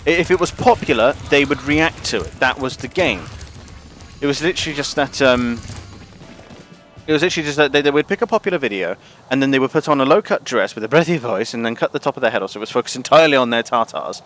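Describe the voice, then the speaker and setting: A man's voice: mid-range voice, animated, fast talker, a bit bright, faint music behind. A man ranting casually and profanely on a gaming livestream, rambling with lots of restarts. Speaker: gaming streamer.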